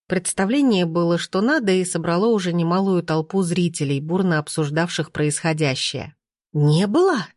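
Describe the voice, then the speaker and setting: Slow, measured woman audiobook reader. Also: lowish voice, no echo, clean studio sound. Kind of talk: audiobook narration.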